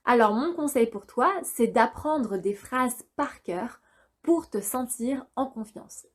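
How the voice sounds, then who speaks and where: Slow, careful French teacher woman. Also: on the high side, darkish tone. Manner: speaks slowly and carefully, repeats model phrases for learners. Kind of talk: slow, clear language lesson.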